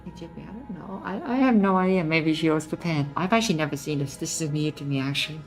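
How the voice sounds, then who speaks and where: A woman's voice: low voice, fast, faint music behind. A woman chatting casually as a livestreamer while voice acting a game. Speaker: streamer voicing a game.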